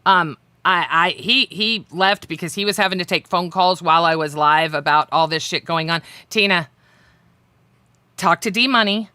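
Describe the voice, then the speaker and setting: A woman's voice: fairly low pitch, moderate pace, sharp tone, clear, resonant tone, dry recording. A woman co-hosting a livestream, talking bluntly and with exasperation. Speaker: livestream co-host. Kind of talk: heated livestream chat.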